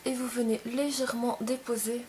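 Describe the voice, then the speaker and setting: A young woman calmly explaining makeup steps in a tutorial, in short, gentle phrases. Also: fairly high pitch, moderate pace, slight background noise. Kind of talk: casual step-by-step makeup tutorial.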